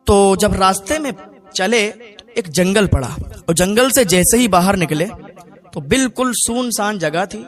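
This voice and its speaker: A man with a high voice preaches a storytelling sermon. He talks in an earnest, moralizing way and calls his listeners his brothers. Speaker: Islamic preacher.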